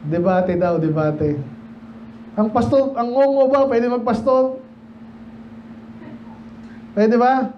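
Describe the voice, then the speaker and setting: A man from the Philippines preaching a midweek sermon and Bible study. He talks to the congregation in a loose, digressive way, asks them questions, and slows down to read King James verses. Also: very high-pitched. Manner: mixes Tagalog talk with slow King James readings. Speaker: pastor. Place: church. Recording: dull lo-fi church recording with faint noise.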